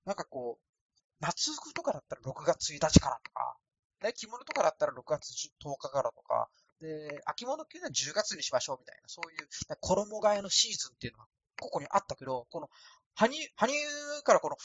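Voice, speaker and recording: A man's voice: fairly high pitch, big pitch swings, brisk, a bit bright, slight background noise. A man from Osaka rambling casually through a solo podcast, with a thin, light voice and a self-deprecating manner. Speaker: podcast host. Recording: dry, no added echo.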